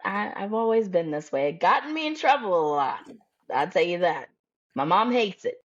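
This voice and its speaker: A woman's voice: lowish voice, very animated, moderate pace, dry recording, dull audio. A woman from the United States, a career coach and podcast guest, talking boldly and bluntly in casual conversation and laughing often.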